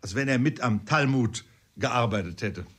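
Man as a friendly mild parson, husky voice, audiobook. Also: mid-range voice, normal speed, a bit bright, natural voice. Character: gentle, friendly male parson. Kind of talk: audiobook reading.

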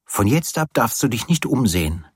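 A man's voice: mid-range voice, sing-song, moderate pace, slightly rough, dry recording, clean studio sound. A man voicing a playful, bossy young woman in an audiobook reading, with a teasing, insistent manner.

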